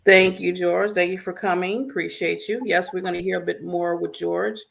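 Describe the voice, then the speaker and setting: Chatty woman host with a gravelly edge. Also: lowish voice, fairly even intonation, moderate pace. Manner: warm, chatty, laughing often. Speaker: talk show host. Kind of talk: casual online talk show hosting.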